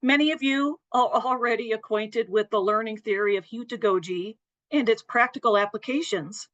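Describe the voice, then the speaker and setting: A woman nursing educator presenting a webinar lecture in a steady, explanatory way, her voice a bit worn and throat-clearing. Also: on the high side, normal speed, muffled recording. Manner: explanatory, steady, apologetic over glitches.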